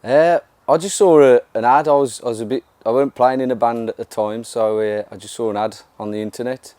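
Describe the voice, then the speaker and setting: A man with a smooth, dark, mellow voice. He tells casual anecdotes in an easy, unhurried way. The recording is dry and close. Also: mid-range voice, fairly even intonation, no room sound. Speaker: guitarist. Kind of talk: documentary interview.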